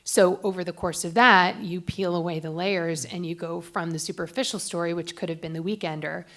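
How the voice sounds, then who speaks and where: Low-voiced woman reporter telling a story. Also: steady tone, fairly quick, fairly bright tone. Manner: chatty storyteller with many fillers. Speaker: newspaper reporter on a panel. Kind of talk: anecdotal panel talk.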